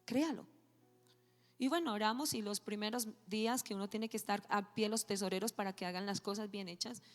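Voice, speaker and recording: A woman pastor preaching a sermon, telling a story with lively acted-out dialogue. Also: medium pitch, fast. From Colombia. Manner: animated storytelling, acting out dialogue. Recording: long hall reverb with faint music.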